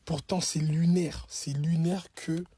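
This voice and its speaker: A man's voice: a little high, little pitch movement, slow pace, background noise. A man insisting on his opinion in casual talk to camera. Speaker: football commentator.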